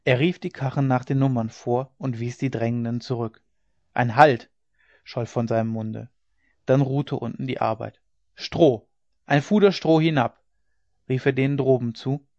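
A man's voice: mid-range voice, a little mellow, dry recording. Male narrator reading a classic novel. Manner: measured, dramatic storytelling. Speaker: audiobook narrator. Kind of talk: literary audiobook narration. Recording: slightly dull lo-fi recording.

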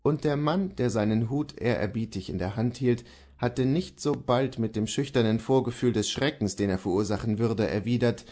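A man narrating a classic literary story as an audiobook, in a measured, steady manner. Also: on the low side. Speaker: audiobook reader.

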